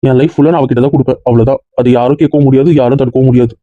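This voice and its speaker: A man's voice: medium pitch, fairly even intonation, racing, no room sound, natural voice. A young man playing a stubborn groom who argues defiantly with his family. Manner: defiant, argumentative. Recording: muffled lo-fi sound.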